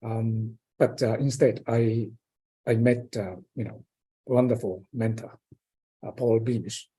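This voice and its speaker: A man's voice: medium pitch, steady tone, slow pace, mellow, breathy edge. An older man from Japan with a Japanese accent, answering interview questions in a hesitant way with many fillers. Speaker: interviewed professor. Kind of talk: conversational interview.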